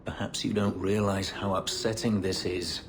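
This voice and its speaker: An actor voices a haunted, guarded elf warrior and former slave in video game dialogue, speaking in a measured, formal, restrained way. The male voice is low with little pitch movement, the mood is anguished, and there's background noise.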